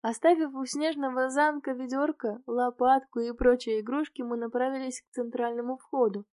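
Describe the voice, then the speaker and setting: A woman reading a novel aloud in the first person, with clear, expressive storytelling. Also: high voice, moderate pace, dry recording, clean studio sound. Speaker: audiobook narrator.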